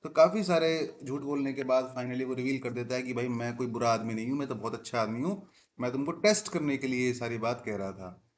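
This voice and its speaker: A man explains a classic play line by line in a mid-range voice. He reads each English line slowly and with stress, then explains it in a relaxed, conversational way. He speaks to his viewers as friends throughout. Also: mid-range voice. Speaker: English literature teacher.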